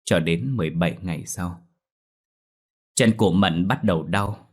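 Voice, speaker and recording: Man telling a story, real low voice, steady pace. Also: normal speed. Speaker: narrator. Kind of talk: scripted story narration.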